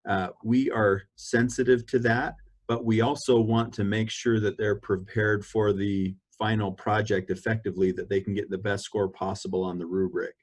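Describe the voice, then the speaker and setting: A man's voice: on the low side, moderate pace. A man presenting to parents in an online meeting. He steadily explains the school's learning approach over a video call. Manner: steady, explanatory, walks through slides.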